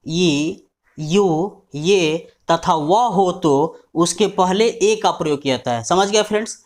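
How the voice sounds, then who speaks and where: A man teaching English grammar in a classroom-style lesson. He spells out words letter by letter in front of a writing board and often checks whether his students have understood. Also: high voice.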